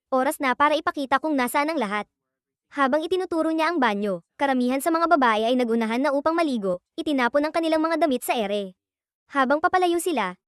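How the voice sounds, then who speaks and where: Woman narrator, high voice, steady scripted recap read, dry close sound. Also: no echo.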